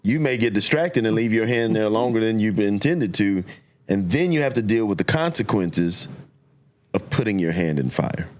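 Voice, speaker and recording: A middle-aged man talking reflectively and conversationally about life, giving advice in a deliberate, emphatic way with repeated phrases for weight. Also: lowish voice, animated. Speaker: talk show speaker giving relationship advice.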